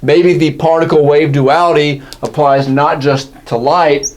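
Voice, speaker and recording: A man lectures on physics in a relaxed classroom way. He corrects himself as he goes and keeps checking in with his listeners. His voice sits a little higher than most men's. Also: a little slow, slight background noise. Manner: casual, self-correcting, asks "right?" often. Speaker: physics teacher.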